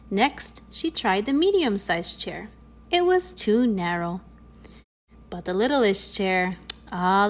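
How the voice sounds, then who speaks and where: Storybook reader, woman, expressive read-aloud narration with deliberate pauses. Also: mid-range voice. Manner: expressive, slows on key phrases.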